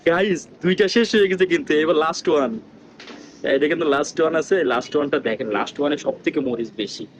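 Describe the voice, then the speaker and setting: A man vlogging with a rural Bangladeshi Bengali accent, keeping his voice low and hushed as he talks to viewers during an eating challenge in a village. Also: quick pace, a little hiss or hum. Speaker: vlogger host. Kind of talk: casual vlog commentary. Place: village house outdoors.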